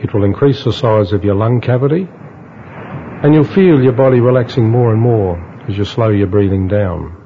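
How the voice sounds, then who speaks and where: Male relaxation guide, slow hypnotist delivery with long pauses, lowish pitch, dull lo-fi sound. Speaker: relaxation instructor. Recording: dull lo-fi audio with faint noise.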